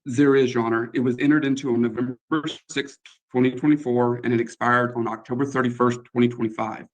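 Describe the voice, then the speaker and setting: Man, attorney, hesitant, apologetic, fillers, mid pitch, choppy conference call audio. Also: level tone, fast, low-quality recording. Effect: choppy video conference call audio. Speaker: attorney for the landlord. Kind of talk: formal court hearing. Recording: faint voice on a breaking-up call.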